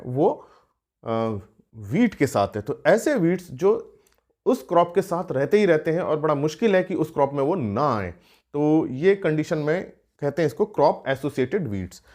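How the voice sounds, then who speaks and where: Higher-voiced man teaching an agriculture lesson. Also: darkish tone. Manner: explanatory, with frequent "uh" fillers and rhetorical questions. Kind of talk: exam-prep lecture.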